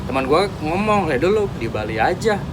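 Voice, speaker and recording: A man in his thirties from Indonesia, a tattoo artist telling his story in relaxed, slangy casual chat. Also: on the high side, a little fast. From Sukabumi, West Java, Indonesia. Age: 30s. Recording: recording with clear background noise.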